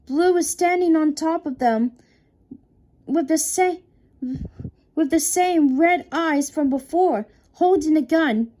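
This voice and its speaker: A woman narrating a horror story in a halting way, with frequent restarts. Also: high voice, warm tone. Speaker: creepypasta narrator. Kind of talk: unscripted horror story reading.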